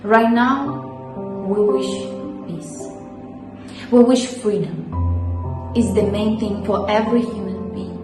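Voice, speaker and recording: A woman's voice: mid-range voice, steady tone, slow pace, pauses often. Woman from Ukraine, echoey with music. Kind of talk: short recorded testimonial.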